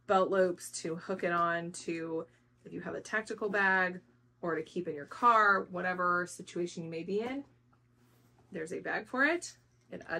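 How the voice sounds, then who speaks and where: A woman's voice: lowish voice, fairly bright tone, slight background noise. A woman hosting a casual product review, talking informally and conversationally as she explains things to viewers.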